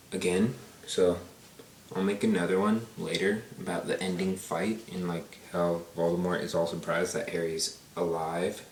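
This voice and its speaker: A man's voice: deep voice, recorded from a distance. A man casually retelling a movie in a rambling way, filling his talk with "like". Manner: rambling, heavy use of "like". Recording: roomy echo, faint noise.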